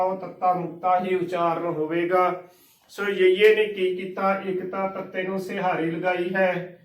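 Man, patient teacher, high voice, unhurried, echoey distant recording. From Punjab. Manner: patient, spells letter by letter, repeats each word slowly. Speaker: gurbani pronunciation teacher. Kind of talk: slow spelled-out recitation lesson.

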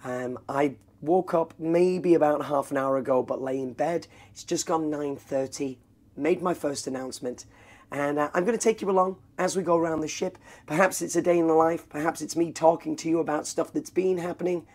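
A man's voice: on the high side, steady tone, fairly quick, a little mellow. Male, 30s, upbeat cruise director; enthusiastic, casual vlog presenting straight to camera. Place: aboard a cruise ship, in cabins, corridors and busy public decks.

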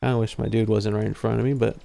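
A young man explains a fishing game casually while playing it on a live stream, speaking into a headset mic with no room sound. His voice sits on the low side, warm with vocal fry, and his delivery is flat and quick. He often slips into fillers and lets thoughts trail off.

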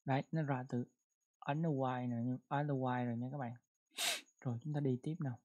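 An English pronunciation teacher in a casual online lesson, who repeats words and reads English example sentences slowly. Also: medium pitch, steady tone, dark tone, highs cut off.

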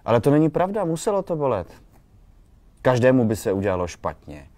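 Man reading as a young woman, shy, earnest, softened raised voice, storybook reading. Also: on the low side, lightly acted. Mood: insistent.

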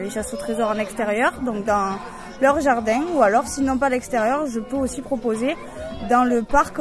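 Young woman, fairly high voice, chatty, fillers, outdoor stand, music and crowd behind. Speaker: children's make-up artist. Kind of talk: casual interview answers. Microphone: handheld mic held by interviewer.

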